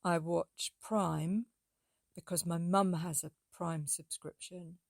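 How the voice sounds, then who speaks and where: A woman's voice: fairly low pitch, fairly even intonation, slow pace, gravelly, a little mellow, dry recording, studio quality. A middle-aged woman hosting a casual solo podcast, rambling with fillers and restarts, her voice getting tired. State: losing her voice. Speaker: podcast host and music teacher.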